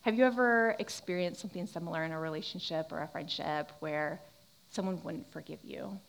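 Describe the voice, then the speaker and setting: A woman's voice: on the low side, brisk, vocal fry. A young woman teaching a Bible lesson in a casual, conversational way, acting out the reactions of people in the story. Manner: animated, conversational, acts out quoted reactions.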